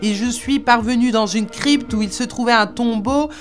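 A woman's voice: on the high side, moderate pace, soft background music, voice pushed up, natural voice. A woman voicing a wounded barbarian king who growls and curses in anger, in an audiobook reading. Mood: furious. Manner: growling, cursing. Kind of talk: audiobook character voice.

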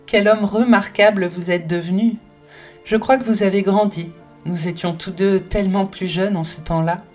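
A woman's voice: medium pitch, fairly even intonation, moderate pace, darkish tone, soft background music, close to an everyday voice. A woman voicing a spirited, passionate French woman in an audiobook, talking emphatically and with many exclamations. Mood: emphatic. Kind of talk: audiobook character reading.

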